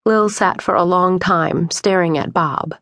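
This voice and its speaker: A woman reading an audiobook in a measured, expressive way, voicing the dialogue. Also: on the low side, no echo, clean studio sound. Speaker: audiobook narrator. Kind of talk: scripted narration. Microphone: close studio mic.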